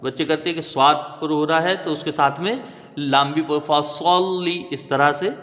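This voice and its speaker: A man teaching Quranic recitation, spelling out letters and then slowly chanting each word, often checking with "right?". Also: a little high, fairly even intonation, fairly bright tone, long reverb tail. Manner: patient, drawn-out chanting of each word, frequent "theek hai?" checks.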